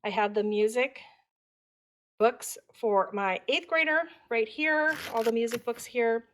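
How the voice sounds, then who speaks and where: Chatty homeschooling mom on a home tour. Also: female voice, on the high side, measured pace, a little hiss or hum. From Taiwan. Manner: relaxed, chatty, matter-of-fact. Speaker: homeschooling mother and channel host. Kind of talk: casual home tour vlog. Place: at home, indoors.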